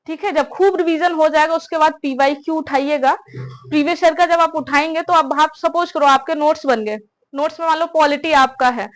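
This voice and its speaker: A young adult woman talking casually to students about exam preparation, often checking in with tag questions. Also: high voice. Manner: conversational, repeats tag questions, addresses listeners as brother. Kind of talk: casual advice talk to students.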